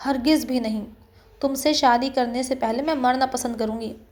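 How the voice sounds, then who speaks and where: A woman's voice: high-pitched, steady tone, a little mellow, lightly acted. A woman voicing a fiery young woman coworker who snaps back with scolding, threatening retorts. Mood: scornful.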